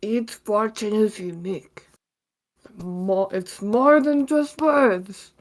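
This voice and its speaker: A woman voicing a slow, teasing old fortune cookie maker. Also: mid-range voice, lightly acted. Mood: stern. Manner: slow, measured and teasing, slightly slurred. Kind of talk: live-streamed script read-through.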